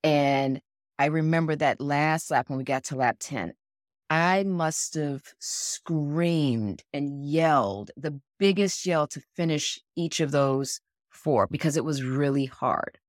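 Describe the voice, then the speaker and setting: A woman in her forties, co-hosting a podcast and telling a story in a frank, animated way, acting out what others said. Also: deep voice, slow, no echo, studio quality. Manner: animated, acts out other people's words; frank, swears casually. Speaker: podcast co-host. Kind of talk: casual storytelling.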